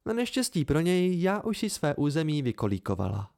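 Guy putting on a lilting teasing young woman, raised pitch, voice swinging all over, audiobook. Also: sing-song, creaky, darkish tone. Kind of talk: amateur audiobook reading.

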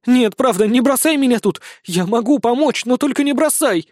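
A man reading an audiobook, voicing a desperate young woman turned into a cat, with a high, pleading, whining voice. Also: very animated, moderate pace, vocal fry, darkish tone, no room sound, clean studio sound, exaggerated voice. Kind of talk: audiobook character voice.

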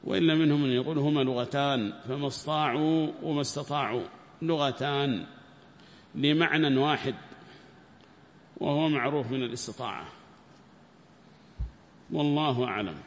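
A man giving a verse-by-verse scripture lesson, quizzing his listeners with quick rhetorical questions. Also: medium pitch. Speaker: Quran teacher. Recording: echoey hall with faint background noise.

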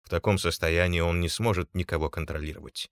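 Low-voiced male audiobook narrator. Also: fairly even intonation, fairly quick, clear, resonant tone, no room sound, clean studio sound.

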